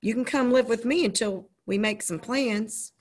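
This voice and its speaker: A woman's voice: fairly high pitch, moderate pace, pitched above the performer's own voice, close to an everyday voice. A woman voicing a blunt, matter-of-fact country doctor in a storybook reading, speaking firmly and plainly. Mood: persuasive.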